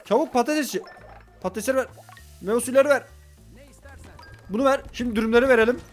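A man giving hurried, excitable commentary while playing a restaurant game, talking to customers on screen. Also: extremely high pitch, soft background music. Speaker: gaming YouTuber. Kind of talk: casual gameplay commentary.

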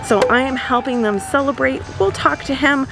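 A woman's voice: high-pitched, moderate pace, gravelly, over music. Bubbly woman vlogger chatting outdoors. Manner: bubbly, excitable, laughs often. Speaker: travel vlogger and interviewer. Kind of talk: enthusiastic travel vlog and interview. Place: outdoors on a sailing ship's deck and inn garden.

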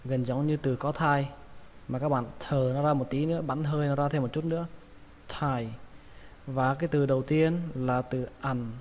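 A man's voice: mid-range voice, fairly even intonation, normal speed, a little mellow. A man with a Vietnamese accent teaching English pronunciation, patiently repeating each word. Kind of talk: pronunciation lesson. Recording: long reverb, faint ambient noise.

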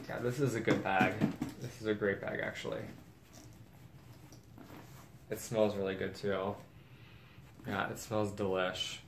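Gravelly and a bit bright, this man's lowish voice carries a casual unboxing chat. As a vlogger he gushes and chatters while showing off bags, and faint noise sits under the room's echo.

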